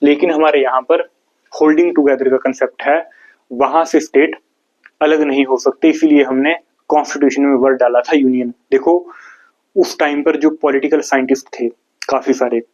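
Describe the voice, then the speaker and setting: A man's voice: mid-range voice, fairly even intonation, moderate pace, darkish tone, dull audio. A man from India with a Haryanvi accent, teaching an exam-prep lecture, explaining step by step and asking and answering his own questions.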